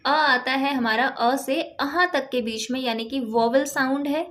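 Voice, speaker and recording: Woman, high pitched, teacher, patient step-by-step explanation, asks and answers herself. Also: unhurried, a bit bright. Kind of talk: explaining English grammar lesson.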